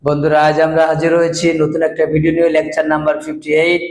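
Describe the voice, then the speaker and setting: A man with a Bangladeshi Bengali accent gives an English pronunciation lesson. He says each word again and again in a slow, drawn-out way for students to copy. His voice sits a little high and stays fairly flat, and the room gives it a strong echo. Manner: repeats words slowly and drawn out for drill. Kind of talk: online lecture.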